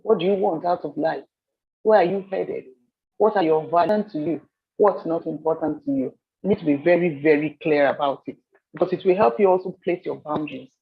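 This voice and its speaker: A woman from Nigeria leading a soft skills training session, telling stories with animated repetition. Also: lowish voice, brisk, creaky, husky, phone-quality sound. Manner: animated storyteller, repeats phrases. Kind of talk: training seminar talk.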